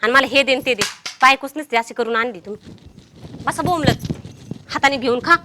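A young woman playing a sharp-tongued village wife who nags her husband in a comedy sketch. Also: high-pitched, a little fast, noisy background, close to an everyday voice. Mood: scolding. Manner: nagging, scolding.

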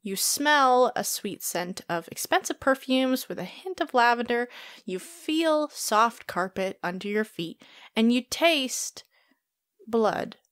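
A woman telling a tabletop game story as scripted narration, dramatic and expressive, on a close mic. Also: a little high, no echo.

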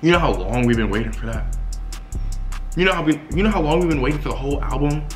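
A man's voice: a little high, expressive, quick pace, roomy sound, faint music behind. A man in his twenties chatting casually in slang to viewers, rambling and talking while chewing food. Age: 20s. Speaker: vlogger eating on camera. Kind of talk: casual mukbang chat. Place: large living room indoors. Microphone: camera a short distance away.

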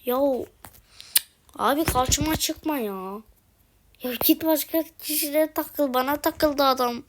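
A woman's voice: high voice, takes it slowly. A woman commentating her own mobile game, exasperated, exclaiming and pleading at the screen. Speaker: gaming video host.

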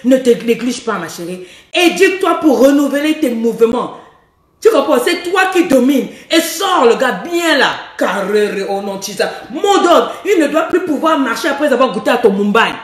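A woman coaching women on love, with a hoarse voice, talking in a bold, teasing and playful way and laughing often as she speaks straight to her listeners. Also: fairly high pitch, big pitch swings, moderate pace, reverberant, distant mic. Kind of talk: frank advice monologue to women viewers.

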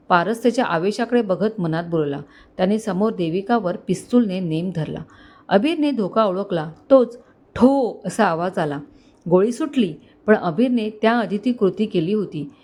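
A woman storyteller narrating a dramatic family story in an expressive, scripted reading. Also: medium pitch, normal speed.

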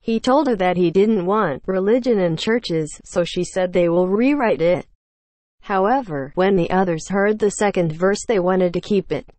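A woman's voice: medium pitch, moderate pace, a little mellow, no echo. A woman giving scripted narration in a plain reporting tone.

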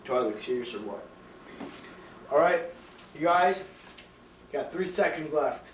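A man's voice: on the high side, animated, unhurried. A young man doing a comic teacher impression of a hot-tempered basketball coach who scolds and barks orders. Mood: brisk, instructing. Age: young adult. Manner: barking, scolding, emphatic. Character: bossy, hot-tempered male high school basketball coach. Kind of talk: teacher impression, comedy skit. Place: home kitchen. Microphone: camcorder across the room. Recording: roomy, distant, hissy home camcorder.

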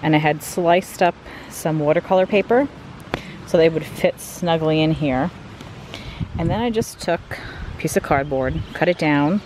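A woman's voice: deep voice, a little mellow, slight background noise. A young woman chatting cheerfully as she films herself at a wooded campsite, with the camera held at arm's length. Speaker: artist vlogger. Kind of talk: casual vlog narration.

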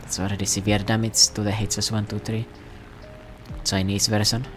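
A man's voice: on the low side, little pitch movement, normal speed, faint music behind. A man giving casual, self-mocking, rambling commentary over his gameplay. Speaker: gaming commentator.

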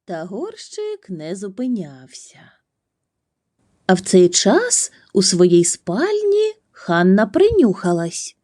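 A woman reads a children's fairy tale aloud at an unhurried pace. Her voice is mellow and expressive, rising and falling a lot. The sound is close and dry. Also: medium pitch, no room sound. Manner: expressive, slow and animated. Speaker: storyteller. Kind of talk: reading a children's storybook aloud.

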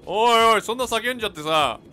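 A man's voice: high voice, animated, fast, slight background noise. A man commentating on his own video game play in a jokey, chatty way, talking back at enemies. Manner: jokey, talks to enemies, yells in panic. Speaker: game streamer.

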